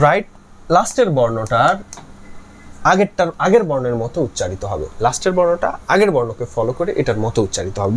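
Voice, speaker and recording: A man teaching linguistics in a lecture style, who models sounds by repeating words aloud and asks and answers his own questions. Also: a little high. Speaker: linguistics tutor. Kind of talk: explanatory lecture.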